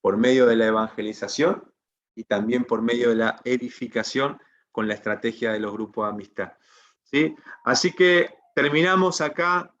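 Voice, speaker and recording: A man's voice: medium pitch, moderate pace, a bit bright, dull audio. A man teaching a Bible institute class over a video call, in a preacherly manner that keeps asking students to agree. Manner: preacherly, asks the class for assent. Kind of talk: online class lecture.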